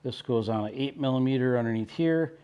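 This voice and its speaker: A man's voice: medium pitch, fairly quick, clean tone, highs cut off. Wry man muttering through a DIY job. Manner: wry, self-deprecating, muttering while working. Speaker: DIY car vlogger. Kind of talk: casual how-to narration. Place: inside his own vehicle with the top off.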